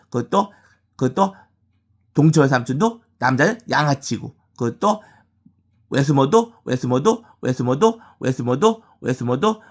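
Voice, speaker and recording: A man giving a personal monologue about his family, rambling and repeating the same words and phrases again and again, with halting restarts. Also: medium pitch, breathy edge.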